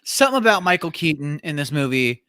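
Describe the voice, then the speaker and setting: A man's voice: a little high, big pitch swings, fast, no echo, clean studio sound. A young man co-hosting a casual movie review podcast, chatty, with lots of "like" fillers. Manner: chatty, many "like" fillers, mimics characters in a loud voice. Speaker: podcast co-host.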